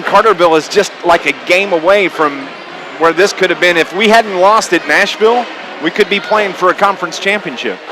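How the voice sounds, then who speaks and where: A man with a high voice hosts a live sports radio pregame show as the play-by-play announcer, talking in a conversational, folksy manner. He broadcasts from a corner perch in a school gymnasium, with background noise, gym ambience and bouncing basketballs audible.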